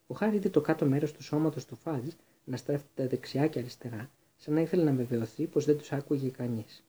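A man narrating a storybook in a measured, tense storytelling manner. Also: on the high side, dark tone, slightly rough. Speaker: audiobook narrator.

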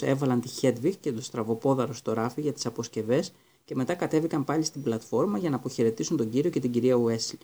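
A man narrating an audiobook with a dark, mellow voice. He reads in a steady, even storytelling manner at a medium pitch. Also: slightly rough.

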